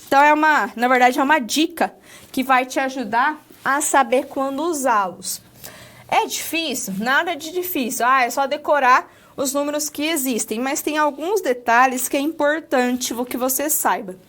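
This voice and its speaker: A woman's voice: sits high, moderate pace, fairly bright tone. A Brazilian woman teaching a recorded English lesson, explaining step by step and checking in with "ok?" after each point. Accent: Brazilian Portuguese.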